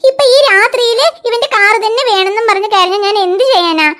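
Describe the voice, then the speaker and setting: A woman's voice: very high-pitched, quick pace, a bit bright. A woman voicing a young cartoon mother who coaxes and soothes her crying toddler in a fretful, sing-song way. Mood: coaxing. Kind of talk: cartoon dialogue.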